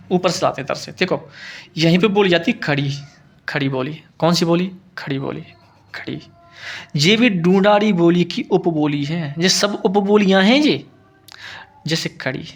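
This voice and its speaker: A man's voice: fairly high pitch, creaky. A male teacher giving an exam-prep lesson over a map, repeating each answer and quizzing students with questions he answers himself.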